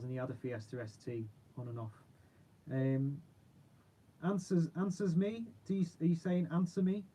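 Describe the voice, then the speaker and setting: A man's voice: medium pitch, darkish tone, poor audio. A man, chatting casually and informally as he hosts a livestream and answers viewers, rambling in a matey way. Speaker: car channel host.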